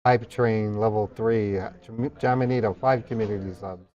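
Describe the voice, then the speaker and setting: A man's voice: fairly low pitch, steady tone, moderate pace, a little mellow, lo-fi sound. A man hosting a livestream in subathon hype style, reading out donations and thanking viewers, with casual exclamations of appreciation between names and numbers. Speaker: livestream host.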